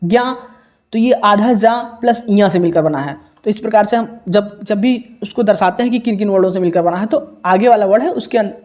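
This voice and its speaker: A man's voice: sits high, normal speed, darkish tone. A male teacher solving an exam paper in a lesson, explaining step by step with many repetitions and self-corrections.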